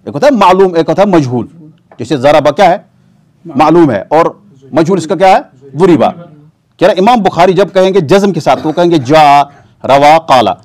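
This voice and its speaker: Man teaching, lively questioning voice. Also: on the high side, moderate pace. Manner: asks the class rhetorical questions and answers them himself. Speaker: Islamic scholar teaching a weekly class. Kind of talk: classroom lecture on hadith terminology. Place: mosque classroom.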